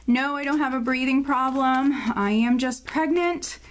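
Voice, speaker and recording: A fairly high-voiced woman talks through a monthly tarot reading, often short of breath. She rambles, circles back and restarts her sentences. The delivery is loose and casual, full of fillers. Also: unhurried, slight background noise. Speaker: tarot reader.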